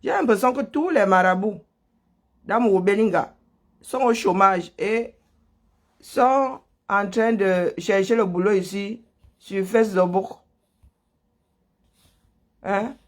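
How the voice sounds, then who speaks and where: A man's voice: sits high, slow pace, pauses often. A man from Cameroon hosting a live stream, greeting viewers by name and ranting sarcastically about politics. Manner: sarcastic, laughs often. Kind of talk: casual live stream commentary.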